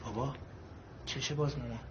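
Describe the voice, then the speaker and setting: A man's voice: medium pitch, steady tone, reverberant, highs cut off, close to an everyday voice. An actor playing a sulky young son who grumbles and is fed up with his family. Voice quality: sullen, grumbling. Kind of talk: comedy film acting.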